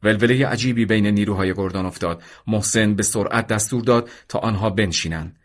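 A man narrates a story in a measured, solemn way, with a fairly low voice. The reading is scripted and steady throughout.

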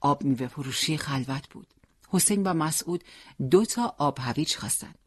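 A narrator reading a story aloud in a measured, expressive way. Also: medium pitch, slightly rough. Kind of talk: scripted audiobook narration.

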